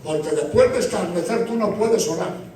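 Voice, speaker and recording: A pastor from Spain preaches a sermon, telling stories and acting out exchanges with church members, while a crowd murmurs in the background. His voice sits high at a normal pace, picked up from far off in an echoey church hall.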